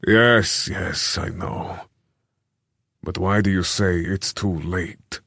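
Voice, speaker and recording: Man playing a deep-voiced bearded ruler, blunt, distrustful, audiobook. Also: steady tone, slow pace, creaky, a bit bright, husky, dry recording, clean studio sound, full character voice. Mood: wary. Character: bearded male ruler, gruff and wary.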